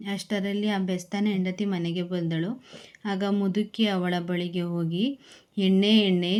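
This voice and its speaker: Slow, careful woman reading a story. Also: mid-range voice, a little mellow. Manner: slow, clear storybook reading with repeated calls. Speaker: teacher. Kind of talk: reading a story aloud, then explaining it.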